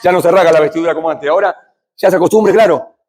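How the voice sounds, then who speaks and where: A middle-aged man with a Rioplatense Spanish accent giving a church talk on addiction, speaking conversationally, asking his listeners questions and swinging between loud and hushed. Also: a little high, racing. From Argentina.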